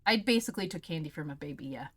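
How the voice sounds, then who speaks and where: A woman hosts a livestream, chatting casually while taste-testing snacks, candid and exclamatory with lots of swearing. Her voice is low and a bit bright, slightly rough, with lively intonation and a racing pace. There's no room sound.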